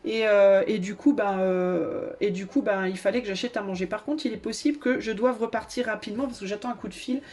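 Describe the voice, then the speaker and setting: A woman voicing a restless male tarot card who rambles about always rushing and crashing into things, full of hesitant restarts. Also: medium pitch, fairly even intonation, a little mellow, close to an everyday voice. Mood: cheerful.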